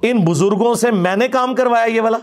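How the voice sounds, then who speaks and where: A man, a religious lecturer, delivering a rebuttal in a sarcastic, mocking manner. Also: very high-pitched.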